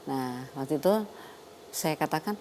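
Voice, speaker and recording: An older woman doctor, a guest on a talk show, telling her story in a lively way and laughing often. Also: deep voice, a little slow, a little hiss or hum.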